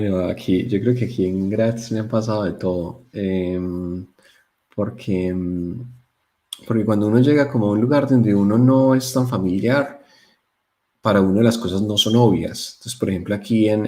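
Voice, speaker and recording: A young Colombian man with a fairly low voice chats as a guest in an interview. He tells stories in an animated way, with plenty of "eh" fillers. His Colombian accent comes through clearly. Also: normal speed. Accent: Colombian Spanish (Paisa). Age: young adult. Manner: animated storyteller, many fillers. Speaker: guest, software developer. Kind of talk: casual interview chat.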